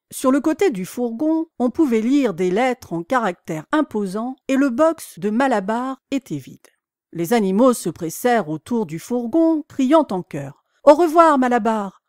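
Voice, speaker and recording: A woman reads a classic novel aloud as an audiobook, pacing the story with measured, dramatic storytelling. Her voice sits slightly high for a woman. The recording is dry and close, with no room sound. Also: warm tone, dry recording. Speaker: audiobook reader. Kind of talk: expressive audiobook narration.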